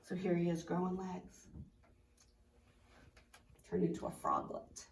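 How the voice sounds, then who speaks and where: A woman teacher reading a picture book aloud to children, expressive and explaining the pictures as she goes. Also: fairly low pitch, slow pace. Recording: roomy, from a distance.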